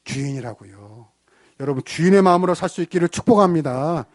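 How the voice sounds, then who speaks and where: A male pastor preaching a sermon in church in a conversational, animated way, asking the congregation questions as he tells stories. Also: on the high side, brisk, dry recording.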